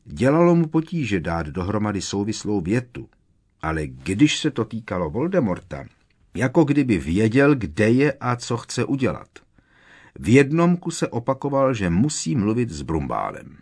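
A man's voice: on the low side, very animated, darkish tone, slightly rough, full character voice. A man reading aloud, voicing a worried teenage boy wizard who speaks urgently and with emphasis.

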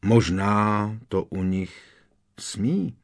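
A man's voice: lowish voice, creaky. A man reading as a curious schoolboy wizard. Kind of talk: audiobook reading.

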